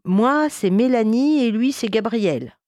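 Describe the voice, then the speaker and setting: A woman storyteller voicing a poor, quiet girl of about eleven who speaks plainly. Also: a little high, expressive, a little slow, no room sound, voice pushed up.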